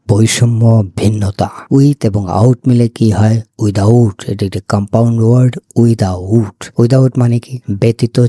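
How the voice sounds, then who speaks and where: Low, mellow-voiced Bengali-speaking teacher. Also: male voice, husky, no echo, studio quality. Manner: repeats each meaning as a list, slow and deliberate. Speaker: English vocabulary teacher. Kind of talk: vocabulary lesson.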